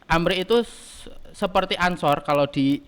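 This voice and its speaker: Halting young man, clear voice. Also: on the high side. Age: early 20s. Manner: halting, searches for words with many pauses. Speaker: guest, student council chairman. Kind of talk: casual podcast interview.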